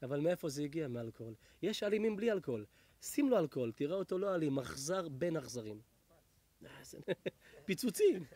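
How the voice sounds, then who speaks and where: A rabbi gives an animated Torah lesson, his high voice swinging from hushed storytelling to loud, fervent blessings. He sounds middle-aged. The sound is close and dry, with almost no room around it. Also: no echo. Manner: animated, drops to hushed tones for stories, then rises to loud blessings.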